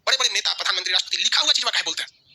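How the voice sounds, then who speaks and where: A man with a Bihari Hindi accent teaches a class in a rapid, animated patter, firing questions and answering them himself. His voice sits high and sounds very bright and forceful. A faint background noise runs under the recording. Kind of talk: classroom lecture with call-and-response.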